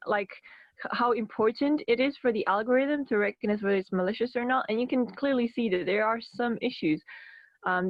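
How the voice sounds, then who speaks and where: A woman's voice: medium pitch, no room sound. Woman talking over a muffled phone. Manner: hesitant, many fillers and restarts. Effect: speaking over a phone. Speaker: researcher presenting her work. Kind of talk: online meeting presentation. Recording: muffled phone-quality audio.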